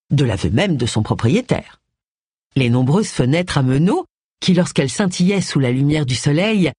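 Woman narrator for an audiobook: expressive, measured, breathy, dry close recording. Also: sits low, dry recording.

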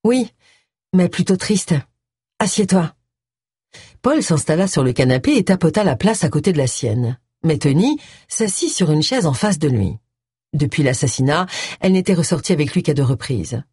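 A woman narrating an audiobook in expressive storytelling style. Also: deep voice, fairly quick, breathy edge, no room sound, clean studio sound. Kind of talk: scripted narration.

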